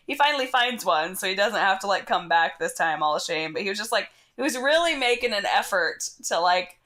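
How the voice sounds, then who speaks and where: Bright, animated young woman telling stories. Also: medium pitch, fairly quick. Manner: animated storyteller, acts out dialogue, laughs often. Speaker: podcast co-host. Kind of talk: casual comedy podcast chat.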